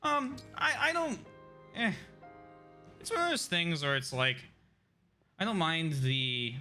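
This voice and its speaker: A chatty man on a live game stream, with a very bright, slightly high voice that swings widely in pitch. He laughs often and reads the chat aloud, with faint game music behind him. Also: lively intonation, takes it slowly. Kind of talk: casual live-stream chat while gaming.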